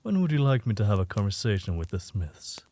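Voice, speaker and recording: In an audio roleplay, a man voices a courteous, self-assured underworld informant, speaking politely and formally in a suave, composed way. His voice is fairly low and dark, moving fast with big swings in pitch.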